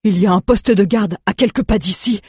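A storyteller voicing an anxious, excitable adult townsman who exclaims in alarm. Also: medium pitch, fairly quick, slightly rough, no room sound, studio quality, pitched above the performer's own voice. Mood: agitated. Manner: agitated, exclaiming.

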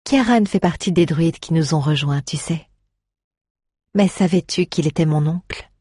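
Woman doing a husky, coaxing young actress figure in an audio drama; dry close sound. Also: low-pitched, normal speed, warm tone, no room sound. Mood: tender. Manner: coaxing and tender. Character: caring young woman, a stubborn traveling actress.

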